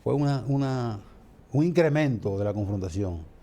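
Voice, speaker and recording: A man's voice: mid-range voice, lively intonation, moderate pace, warm tone. A man commenting on politics in casual studio talk, often repeating words as he searches for the next phrase.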